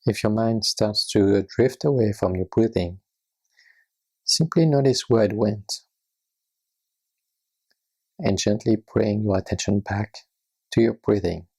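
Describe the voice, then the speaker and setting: Gently and without hurry, a guide talks listeners through a soothing meditation practice. The low voice sounds husky, breathy and creaky, and the audio quality is poor.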